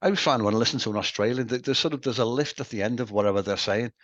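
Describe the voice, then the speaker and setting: A man's voice: mid-range voice, rapid-fire, a bit bright, dry recording. Man, interview host, agreeable, dry sound, muffled lo-fi audio. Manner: agreeable, frequent yeah-yeah backchannels. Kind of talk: casual video interview.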